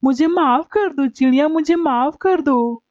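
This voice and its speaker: A woman's voice: high-pitched, measured pace, a little mellow, no echo. A woman voicing a lazy, thieving male bird in a cartoon, a grumbling husband with a whiny manner. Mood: pleading. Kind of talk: cartoon voice acting. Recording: dull lo-fi recording.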